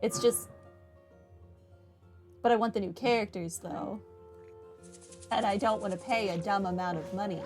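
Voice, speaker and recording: This game streamer, a woman, talks casually through her playthrough with dry humor aimed at herself, game music running underneath. Her voice sits at medium pitch with a moderate pace and long pauses.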